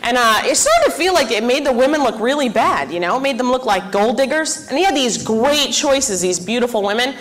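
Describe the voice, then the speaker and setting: Here a twenty-something woman works a comedy club crowd with self-mocking material, deadpan jokes and chatty side remarks. She speaks on the high side, a little quickly, and rarely pauses.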